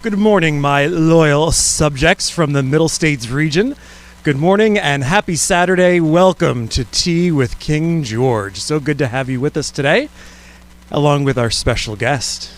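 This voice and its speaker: A man playing a pompous, gracious king, greeting his subjects in a warm, regal, declamatory manner for a convention role-play. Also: on the high side, measured pace, natural voice. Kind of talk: costumed role-play welcome at online convention.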